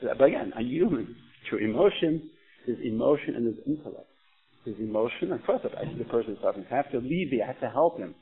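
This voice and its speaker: A man earnestly explaining religious views in discussion, telling stories and asking questions, heard as tinny phone-like sound. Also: medium pitch. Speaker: religious speaker. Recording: tinny phone-like line with faint noise.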